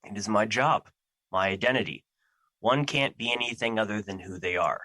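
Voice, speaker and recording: A man's voice: on the low side, normal speed, bright, forceful tone, poor audio. A man playing Fear as an ancient, solemn and anxious being, speaking formally and theatrically in an audio drama. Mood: regretful, earnest.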